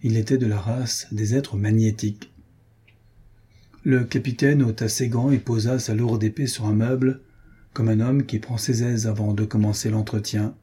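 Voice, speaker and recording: Man narrating a novel, measured reading, dark tone, husky. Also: on the low side, fairly even intonation. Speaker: audiobook narrator.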